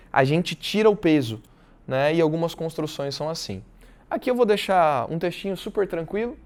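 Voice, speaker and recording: A man's voice: fairly high pitch, a little mellow. A young man with a Brazilian Portuguese accent teaching a recorded online lesson in an informal, chatty way, often checking in with tag questions.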